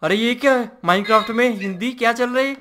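A man's voice: extremely high pitch, brisk, over music. A man hosting a gaming channel, chatting and teasing his friend during casual gameplay banter. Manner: teasing, joking.

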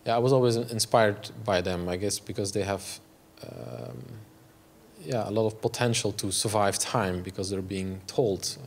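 A Belgian man in his forties with a Flemish accent and Dutch as his first language, giving an artist talk in a gallery room on a lapel mic, halting with many fillers and restarts. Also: lowish voice, steady tone, slight background noise.

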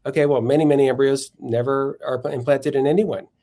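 A man in a podcast interview lays out philosophical arguments in a measured, step-by-step way, often stopping to correct himself mid-phrase. His voice sits at an ordinary middle pitch. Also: fairly even intonation, mellow. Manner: measured, methodical, frequent self-corrections. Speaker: philosophy professor guest.

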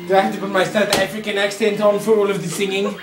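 A playful, joking woman with a mid-range voice, chatting with friends over a singing game. The room is echoey, and very loud game music plays from the TV behind her. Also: medium pitch, flat delivery, fast talker, distant mic. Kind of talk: casual chat during a singing video game.

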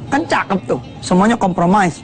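An Indonesian male preacher giving a televised sermon, moving between slow drawn-out Arabic recitation and lively talk that acts out family dialogues. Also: sits high, over music.

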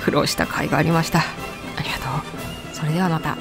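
A woman hosting a lively language lesson, talking straight to her viewers with playful rhetorical questions; her first language is Korean. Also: sits low, fast, gravelly, loud music behind the voice. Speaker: language teacher and video host. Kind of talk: lively explanatory lesson to camera.

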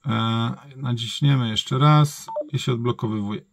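A man's voice: medium pitch, measured pace, creaky, no echo, studio quality. A man giving a casual, improvised hands-on gadget review, thinking aloud in colloquial words and often correcting himself. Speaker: product reviewer.

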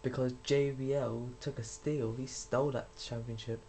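A man's voice: medium pitch, level tone, normal speed, gravelly, mellow, slight background noise. A young man giving rambling, casual commentary while playing a video game, swearing when things go wrong. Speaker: gaming YouTuber.

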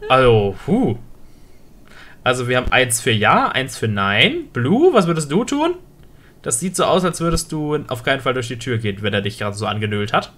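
A woman's voice: a bass voice, sing-song, normal speed, fairly bright tone. A woman streamer chatting casually, reading game text aloud and asking her viewers questions. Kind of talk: casual live game commentary.

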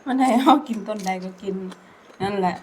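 A woman with an Isan accent breaking in with short, quick remarks during a meal. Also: medium pitch. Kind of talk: casual chat over a meal. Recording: noisy, off-mic home recording.

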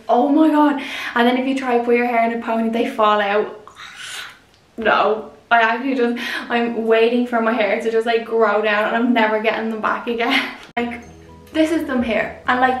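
A woman's voice: a little high, gravelly, fairly bright tone, distant mic. A young woman with an Irish accent, chatting casually through a clothing try-on haul. She rambles and fills her talk with "like", and she sits well back from a camera set up across the room. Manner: chatty and rambling, heavy use of "like". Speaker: vlogger. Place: room at home. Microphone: camera set up at a distance. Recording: echoey room, voice off-mic, faint music.

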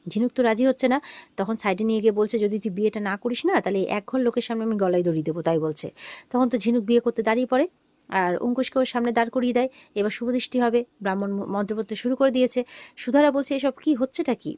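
A woman's voice: fairly high pitch, very fast, darkish tone, no room sound. A woman casually retelling a TV serial episode, quoting the characters' lines and filling in with "mane" and "iye". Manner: retells scenes quoting characters, frequent fillers. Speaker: serial recap narrator. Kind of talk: casual storytelling recap.

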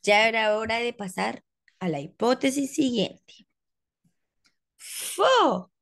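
A woman reading a rhyming picture book aloud for children in an expressive, sing-song way. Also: fairly high pitch, measured pace. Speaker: storybook reader.

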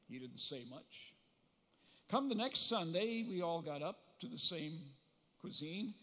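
An older man gives a funeral eulogy for his brother at a podium microphone, telling family stories with gentle humor and pauses to recall details. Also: on the high side, gravelly. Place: large funeral hall. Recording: long reverb of a large hall.

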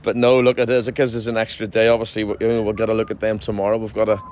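Male football manager, 40s, low voice; loose post-match chat outdoors, lots of restarts. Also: completely flat delivery, rapid-fire, a little mellow, a little hiss or hum. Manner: chatty, frequent restarts and fillers. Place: outdoors at a football ground at night.

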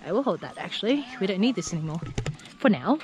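A woman's voice: medium pitch, very animated, fast talker. A woman vlogging at an outdoor jungle adventure park, gasping, laughing and exclaiming nervously as she goes. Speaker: travel vlogger. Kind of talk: excited on-the-go vlog chat. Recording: noisy outdoor camera audio.

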